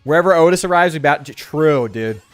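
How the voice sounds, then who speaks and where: Frat bro dude streaming a game, super animated, dry close mic, bit of music behind. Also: male voice, fairly high pitch, fast, no echo. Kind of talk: casual livestream chat over gameplay.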